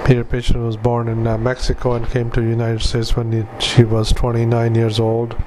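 Monotone man dictating, noisy recording. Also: medium pitch. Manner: halting, flat, monotone delivery in short fragments. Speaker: psychiatric clinician dictating a patient note. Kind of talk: medical dictation with spoken punctuation. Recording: clearly noisy recording with background ambience.

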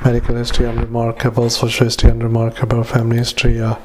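Man dictating into a dictaphone, monotone. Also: mid-range voice. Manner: halting, with frequent fillers and spelled-out words. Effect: dictaphone recording. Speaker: doctor. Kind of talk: medical dictation.

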